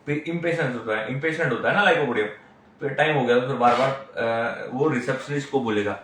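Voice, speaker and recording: A man's voice: mid-range voice, fairly quick, a bit bright. A middle-aged man, a homeopathic doctor giving an explanatory lecture on case taking and often tagging his points with questions. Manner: explains with frequent tag questions. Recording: very echoey room, mic far off.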